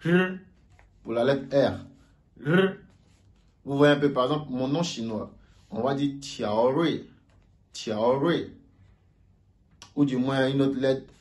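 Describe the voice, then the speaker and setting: A man giving a casual video lesson on Mandarin sounds, slowly repeating each sound aloud for learners. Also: medium pitch, darkish tone. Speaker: Mandarin teacher.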